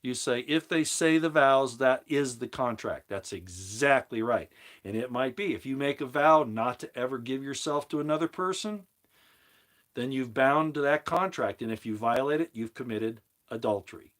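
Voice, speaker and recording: A man with a mid-range, fairly bright voice hosts a casual livestream on scripture at a moderate pace. He reads viewers' comments aloud and rambles through his answers, often restarting sentences.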